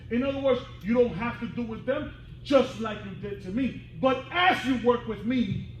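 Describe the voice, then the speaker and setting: A man preaching with passion, swinging between loud calls and hushed lines, heard from a distance in a church. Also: extremely high pitch, lively intonation, a little slow. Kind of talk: bilingual sermon. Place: church sanctuary. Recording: roomy hall from a distance with background hum.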